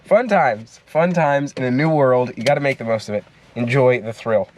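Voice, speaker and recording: In a casual video diary recorded inside a car on a phone mounted to the steering wheel, a vlogger with a stuffy nose talks in an upbeat, joking way. His voice is medium in pitch and a little mellow, and he speaks at a normal speed.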